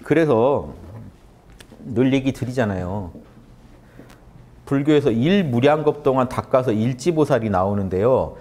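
A man lectures a live audience on Buddhist teachings, and his pitch swings up and down a lot as he speaks. He keeps turning to his listeners with questions. His voice sits at an average pitch for a man. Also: unhurried, pauses often. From Korea. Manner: animated, asks the audience questions.

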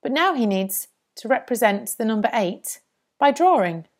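A woman's voice: fairly high pitch, very animated, normal speed. A woman presenting a scripted lesson for young children as a primary teacher, in a singsong manner. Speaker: primary school maths teacher.

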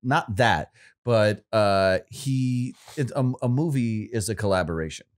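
A male podcast co-host with a fairly low voice. He talks in blunt, rambling stretches full of edgy jokes and restarts. The delivery is loose, casual banter. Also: a little slow.

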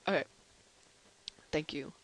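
A man's voice: slight background noise, low-quality recording. Tired young man rambling through a demo. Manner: rambling, halting with many fillers. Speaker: channel host. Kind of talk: casual software demo.

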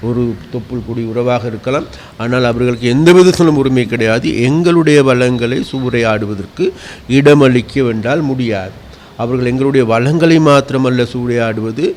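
A man delivers an impassioned statement to reporters, his voice in a middling pitch. He pleads earnestly and then presses his points with force. A faint hum of noise sits behind him. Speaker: interviewee speaking to press.

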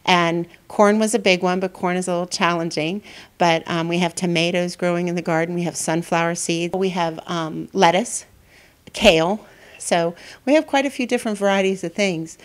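A woman's voice: fairly low pitch, fairly even intonation, normal speed. A middle-aged woman, a school principal, answering interview questions with many fillers and restarts. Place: indoor school hallway.

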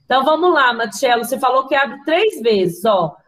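This woman, a primary school teacher with a Brazilian Portuguese accent, runs an online class for young children. She's patient, spells words syllable by syllable, and quizzes the class. Her voice sits high, is fairly bright and very animated at a normal speed, and reaches us through a computer video call in a low-quality recording.

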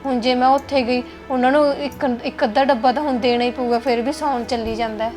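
A woman's voice: high-pitched, fairly even intonation, quick pace, close to an everyday voice. A young woman with an Indian Punjabi accent plays a sad young wife in a village family drama and speaks plaintively. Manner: plaintive, complaining. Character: young wife sad that her mother is gone. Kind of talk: village web drama acting. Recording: background music under dialogue.

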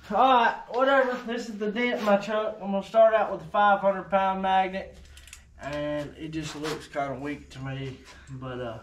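Slight background noise accompanies a man whose voice sits high as he hosts a casual unboxing and test video. Standing by a truck in his workshop, he talks in a rambling, offhand way full of fillers.

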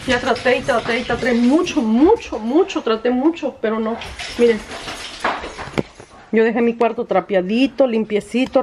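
A woman vlogging casually from home, chatty and exasperated, sometimes breaking off to scold her dog in sharp high bursts. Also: noisy background. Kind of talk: casual vlog chat. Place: at home, indoors and outdoors.

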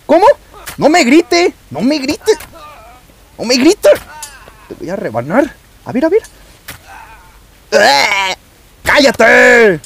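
A man with a Mexican Spanish accent giving excited gameplay commentary as a YouTuber, taunting opponents and yelling at the screen. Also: very high-pitched, takes it slowly, vocal fry, long pauses. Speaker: gaming YouTuber.

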